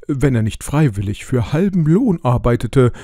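A man's voice: medium pitch, sing-song, moderate pace, mellow, no room sound, clean studio sound. A man voicing a plain, hesitant middle-aged shopkeeper in an audiobook, with filler sounds. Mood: telling. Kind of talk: audiobook role reading.

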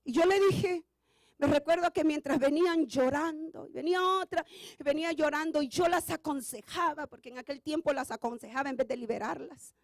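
A woman pastor delivers an impassioned sermon in a strikingly high voice. Her preaching swells toward shouts. The sound is dry, with no room echo. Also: brisk.

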